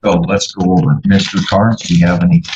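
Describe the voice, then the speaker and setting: A man speaking as a judge in court, measured and procedural, pausing with fillers, heard on a courtroom recording. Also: low-pitched. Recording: roomy, dull courtroom recording with faint hiss.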